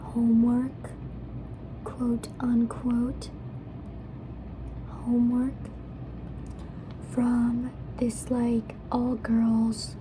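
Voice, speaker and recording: A young woman rambling softly in ASMR style while mukbang eating, talking between bites and slipping into whispers. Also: a little high. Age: young adult. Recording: clear background noise.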